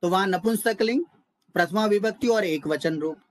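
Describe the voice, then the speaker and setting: A man teaching a Sanskrit grammar lesson, who breaks each word apart slowly and methodically. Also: high voice, no echo, poor audio. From India. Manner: slow, methodical, spells out words. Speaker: Sanskrit lecturer.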